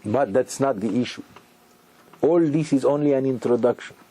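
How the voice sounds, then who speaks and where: A man giving a sermon as a rabbi, speaking with emphatic repetitions and halting restarts. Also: mid-range voice, mellow.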